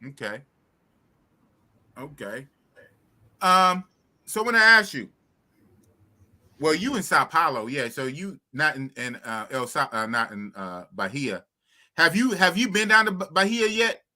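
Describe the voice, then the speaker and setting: A man's voice: on the high side, very animated, measured pace, long pauses, sharp tone. A man in his fifties hosting a casual chat, asking loose questions in a slangy, repetitive way. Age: 50s. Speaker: host.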